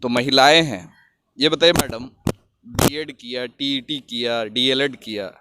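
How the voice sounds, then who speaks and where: A man's voice: mid-range voice, unhurried, heavy background noise. A male reporter at a street protest asking probing, challenging questions. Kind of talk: field interview questions.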